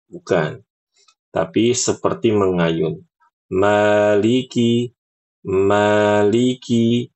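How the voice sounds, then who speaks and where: Slow, low-voiced male recitation teacher. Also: vocal fry, a little mellow. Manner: patient, demonstrates words slowly and drawn out. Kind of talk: online Quran recitation class.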